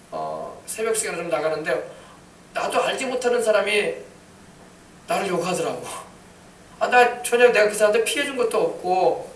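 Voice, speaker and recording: A male pastor delivers a sermon in a high voice at a fast, driving pace, breaking into shouted commands. He's recorded from some distance in a roomy, echoing church, with faint noise underneath.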